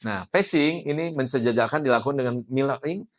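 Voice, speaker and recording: A man, teaching a class as an NLP trainer in a lively style and often putting questions to the room. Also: medium pitch, fairly quick. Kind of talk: classroom lecture.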